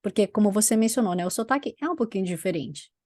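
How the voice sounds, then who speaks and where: A woman hosts the podcast and asks her guest questions in a conversational tone, often ending on a tag question. Her voice is mellow and recorded dry, at a middling pitch. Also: lively intonation, fast talker, no room sound. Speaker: podcast host. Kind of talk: interview questions.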